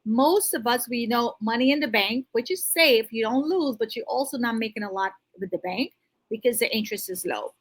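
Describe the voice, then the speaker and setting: A woman's voice: on the high side, brisk, breathy edge. A woman in natural, unscripted interview talk, giving emphatic, motivational advice straight to the listener as a financial coach. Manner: natural unscripted talk, restarts mid-thought.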